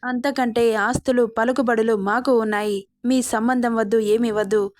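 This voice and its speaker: A woman's voice: fairly high pitch, steady tone, moderate pace, a little mellow, no echo, close to an everyday voice. Brief: woman reading a stern, proud uncle in a storybook reading, dry close sound. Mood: indignant. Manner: stern, indignant. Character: proud offended middle-aged uncle.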